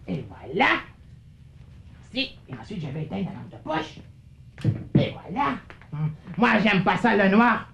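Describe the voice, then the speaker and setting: A woman's voice: medium pitch, sing-song, unhurried, gravelly, long pauses, fairly bright tone, muffled recording, exaggerated voice. Brief: curious childlike male puppet, voiced by a woman, sing-song and stammery. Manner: playful, stammering, wonder-struck. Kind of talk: children's puppet show acting.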